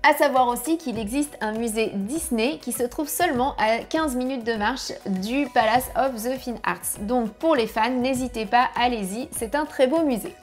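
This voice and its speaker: A woman's voice: on the high side, moderate pace, few pauses, soft background music. A woman narrating family travel tips in a friendly, advice-giving voice-over.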